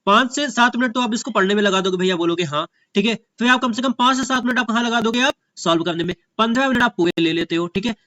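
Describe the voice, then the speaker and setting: A young man teaching an exam class in casual Hindi, checking in constantly with "ठीक है?" and reading English passages slowly. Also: sits high, sharp tone, no echo. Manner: keeps asking "ठीक है?" and addresses students as भैया; reads English slowly, spelling words letter by letter.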